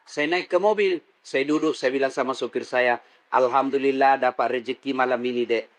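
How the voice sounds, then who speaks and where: A man's voice: medium pitch, normal speed. A middle-aged man preaching a comedic sermon, teasing the crowd and leading call-and-response. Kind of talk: comedic sermon to a live audience.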